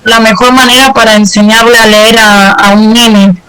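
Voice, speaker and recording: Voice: medium pitch, steady tone, normal speed, noisy background. Un estudiante que responde en clase con frases cortas y titubeos. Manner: short hesitant answers. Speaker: student. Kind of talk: answering in class.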